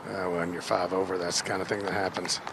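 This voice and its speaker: A man's voice: low voice, level tone, quick pace. A man giving live golf commentary in a wry, offhand manner. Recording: clear outdoor course noise behind.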